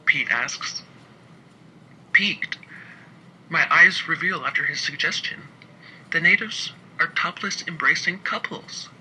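Male storyteller, dry and wry, sharp husky voice, fairly high. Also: slight background noise, rough recording. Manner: wry, dry, shifts between quick asides and slow emphasis. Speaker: storyteller recounting his work as an inspector. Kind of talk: first-person comic storytelling.

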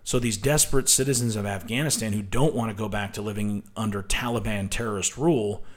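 Emphatic low-voiced male political commentator. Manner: emphatic, combative, repeats "right?". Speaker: commentary show host.

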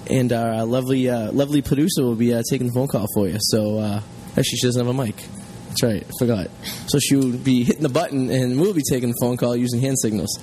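A man's voice: medium pitch, fast talker, hardly any pauses, dark tone, slight background noise. A man hosting a casual comedy radio show, joking crudely and giving blunt opinions.

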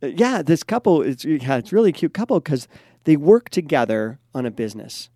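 A man who is a couples therapist and host, chatting casually and telling a client's story with lively acted-out quotes. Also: fairly high pitch, brisk, no echo, studio quality.

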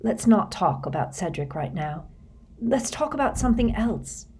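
A woman voicing an awkward teenage boy who speaks quietly and hesitantly. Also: mid-range voice, sing-song, moderate pace, breathy edge, pitched above the performer's own voice, exaggerated voice. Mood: hushed.

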